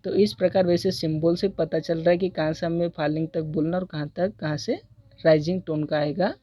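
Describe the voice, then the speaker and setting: A man teaching a recorded lesson on English intonation in Hindi. He has an Indian English accent and reads the English example sentences slowly and deliberately. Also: fairly high pitch, steady tone, warm tone, dry recording, dull audio.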